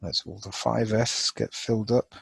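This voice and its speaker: A man with a lowish, slightly husky voice walks through a chemistry lesson, thinking aloud as he marks up a chart. He talks in a loose, unscripted way, full of fillers and restarts. The sound is dry and close. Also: fairly even intonation, normal speed, dry recording, low-quality recording. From England. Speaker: chemistry teacher. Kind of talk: informal lesson over a drawn screen.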